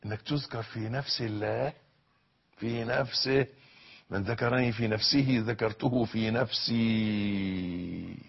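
A male preacher with an Egyptian Arabic accent delivers a fervent religious sermon, a little slow, repeating phrases and shifting between hushed passages and shouts. His low voice has a husky edge, and the recording sounds dull and lo-fi.

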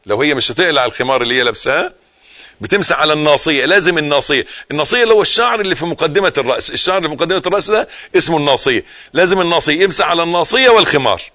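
A man with an Egyptian accent giving a live religious lesson, repeating key phrases and dropping from forceful emphasis into hushed tones. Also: a little high, lively intonation, racing, dull audio. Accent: Egyptian Arabic. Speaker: religious teacher.

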